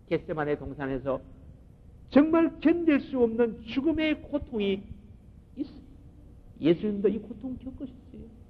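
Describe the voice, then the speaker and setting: A male pastor preaching a sermon with emphatic, animated delivery, often asking the congregation questions. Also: sits high, breathy edge. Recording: muffled recording in a reverberant hall.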